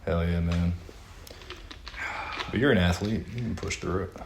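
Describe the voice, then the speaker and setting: A young man, trading easygoing jokes as a podcast co-host. The sound is roomy, bouncing off garage walls, with a steady hiss of noise underneath. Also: low voice, unhurried, creaky. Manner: laid-back joking, opens the show. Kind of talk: casual banter. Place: unheated home garage. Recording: echoey garage with noticeable noise.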